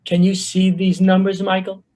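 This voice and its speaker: A man with a Bronx accent giving an earnest, fast-paced webinar talk as a social worker over a video call. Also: high voice, monotone, dark tone, rough recording. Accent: New York Bronx.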